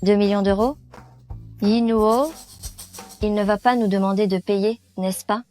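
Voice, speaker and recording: A woman's voice: mid-range voice, fairly even intonation, a little slow, darkish tone, soft background music, lightly acted. A woman dubbing a spiteful office colleague. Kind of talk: French drama dubbing.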